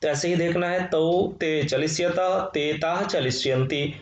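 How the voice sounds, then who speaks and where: A man teaching a Sanskrit grammar lesson, slowly and carefully reciting verb forms one after another. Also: fairly high pitch, fairly even intonation. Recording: echoey room.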